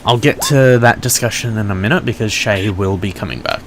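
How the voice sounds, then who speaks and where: A man's voice: fairly low pitch, brisk, noisy background. A man narrating a tabletop game as game master, describing scenes and calling for dice rolls over voice chat.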